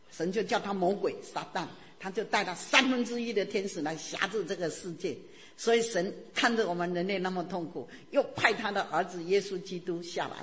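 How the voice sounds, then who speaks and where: A woman from Taiwan, giving an earnest, fervent church testimony. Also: medium pitch. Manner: earnest, fervent preaching with tag particles. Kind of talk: testimony sermon. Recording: long reverb of a large hall.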